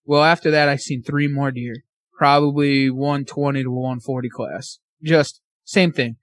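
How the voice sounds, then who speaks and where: A man's voice: mid-range voice, measured pace, dry recording, clean studio sound. Amped-up man telling a story. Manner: excited, animated storyteller; casual filler-heavy slang. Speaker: podcast guest. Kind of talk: casual hunting story.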